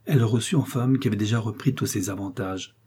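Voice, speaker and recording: A man narrating an audiobook in a steady, measured reading. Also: fairly low pitch, slightly rough. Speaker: audiobook reader.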